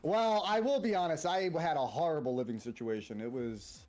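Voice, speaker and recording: A man's voice: a little high, a little fast, darkish tone, soft background music. A man in his thirties with a Boston accent, a streamer casually telling personal stories and often rephrasing himself. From Massachusetts, United States. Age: 30s. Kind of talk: casual chat, personal storytelling.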